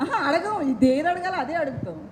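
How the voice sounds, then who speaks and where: A woman's voice: very high-pitched, sing-song, fast talker, slight background noise. A woman reporter chatting playfully at a press meet.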